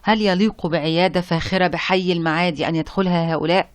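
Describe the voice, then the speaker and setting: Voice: medium pitch, steady tone, fast talker, clear, resonant tone, lightly acted. A reader voicing an arrogant wealthy man over fifty, haughty and indignant.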